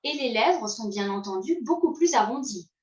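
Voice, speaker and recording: A woman giving a slow pronunciation lesson, modeling sounds and pausing for learners to repeat. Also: on the high side, expressive. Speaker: English pronunciation teacher. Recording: roomy, distant, dull sound.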